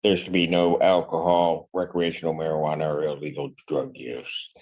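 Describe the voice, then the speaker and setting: A man presiding as a judge, brisk and matter-of-fact with a casual friendliness, captured in a courtroom recording. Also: a bass voice, level tone. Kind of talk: courtroom proceedings. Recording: dull lo-fi courtroom audio.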